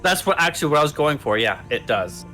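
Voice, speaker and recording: A man's voice: on the high side, sing-song, fast talker, over music. A man in a casual group chat who laughs often and reacts playfully.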